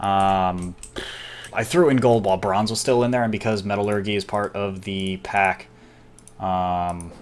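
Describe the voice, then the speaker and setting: A casual gamer narrating his own gameplay, chatty and self-deprecating, with excited outbursts. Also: sits low, a little hiss or hum. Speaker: gameplay commentator. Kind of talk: casual let's-play commentary.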